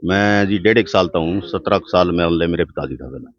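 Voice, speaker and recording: Haryanvi man running a cowshed, quiet shrugging replies, muffled lo-fi recording. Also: deep voice, fairly quick, no echo. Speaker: cowshed head.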